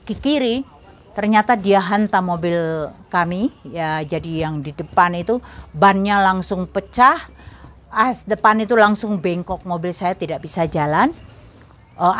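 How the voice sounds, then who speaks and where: A middle-aged woman tells her faith testimony in an earnest, personal way. Her voice sits at an ordinary pitch for a woman. She speaks directly to her listeners as fellow believers. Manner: earnest storytelling, addressing listeners as brothers and sisters.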